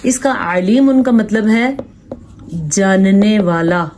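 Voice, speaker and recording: Speaking in a mid-range, slightly mellow voice with a Pakistani Urdu accent, a woman walks learners through Quran recitation one step at a time. She explains simply and patiently, stretching out recited verses slowly to illustrate, while a little hiss or hum sits in the background.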